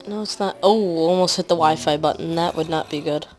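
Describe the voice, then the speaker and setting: A woman rambles through casual let's-play commentary from home, packing in fillers and often trailing off quietly. Her voice sits low and moves briskly, with soft music playing behind her as she commentates on a game.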